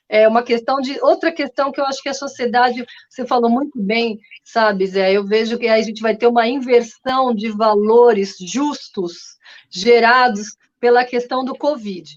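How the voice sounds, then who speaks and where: Woman host, earnest, rambling, lo-fi audio. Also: a little high. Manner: earnest, talks in long run-on thoughts. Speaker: podcast host. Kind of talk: conversational discussion. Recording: dull lo-fi sound.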